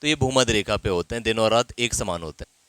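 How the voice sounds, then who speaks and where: Male teacher, bright voice, methodical quiz-answer delivery. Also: fairly low pitch, quick pace, clean tone, no room sound. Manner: steady explanatory, reads each question then answers. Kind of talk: exam quiz lesson.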